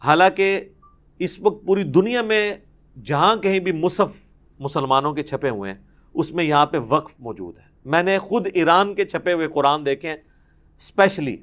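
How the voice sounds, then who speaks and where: Man, Quran commentary lesson, emphatic explanation, recites Arabic verses, fairly high voice. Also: fairly bright tone. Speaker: Quran teacher.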